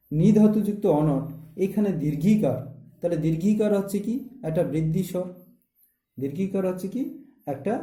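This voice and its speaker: A man's voice: fairly high pitch, warm tone. A man teaching a grammar lesson, asking questions and answering them himself. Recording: echoey room.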